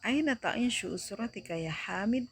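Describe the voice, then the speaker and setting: A woman teacher voicing a schoolboy asking a classmate about his family, reading a textbook dialogue aloud in clear, lively intonation. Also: medium pitch, normal speed, pitched above the performer's own voice. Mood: inquisitive.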